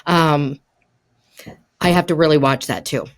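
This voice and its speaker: A woman's voice: low voice, measured pace. Older woman, podcast coach, encouraging and chatty, laughs through her points. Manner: encouraging, laughs often mid-sentence. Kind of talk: conversational coaching chat.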